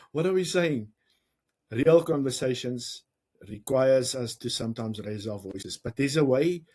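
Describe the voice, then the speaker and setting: A man with a South African accent giving a lively, conversational talk to parents, explaining ideas with jokes and acted-out examples. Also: mid-range voice, breathy edge. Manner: lively, conversational, jokes and acts out quoted lines. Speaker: parenting coach and teacher. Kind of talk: educational talk to camera.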